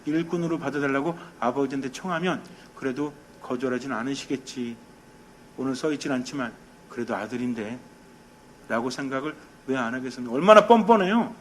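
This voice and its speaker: Lively Korean priest preaching a homily. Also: male voice, a little high. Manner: lively and conversational, questions the congregation, mimics quarrels; drops to a soft, quiet tone for meditation. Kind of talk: sermon.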